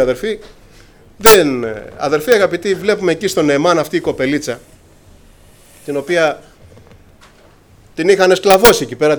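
A man preaching a sermon to his congregation, impassioned, often calling them brothers and acting out scripture dialogue. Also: sits high.

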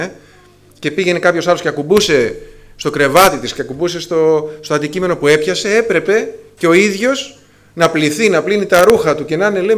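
A man preaching a sermon to a congregation, calling them brothers, with frequent filler sounds and restarts as he rises to fervent emphasis. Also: fairly high pitch. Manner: addresses listeners as brothers, rising to fervent emphasis.

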